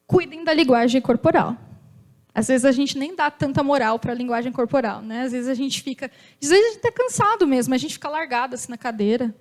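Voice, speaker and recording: A young woman giving an informal, chatty talk to an audience, with a loud voice, often acting out little dialogues. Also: sits high, a little fast. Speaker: speaker at a company talk event.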